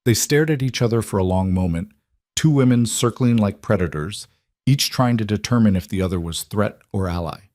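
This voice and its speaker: A man narrating a crime thriller in a steady, dramatic storytelling style. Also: lowish voice, moderate pace, no echo, studio quality. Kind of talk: scripted audiobook narration.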